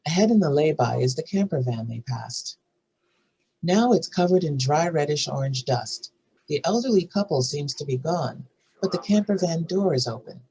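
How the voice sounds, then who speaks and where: A narrator with a medium-pitched, dark-toned voice reads screenplay scene headings and stage directions in a scripted manner. The recording is low in quality, with faint background noise and room ambience.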